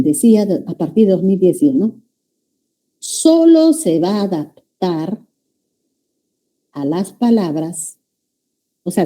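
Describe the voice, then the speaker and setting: Lively dark-voiced woman lecturing. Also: fairly low pitch. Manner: addresses students as "jóvenes", checks understanding with "¿ya?". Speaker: language teacher. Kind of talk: classroom lecture.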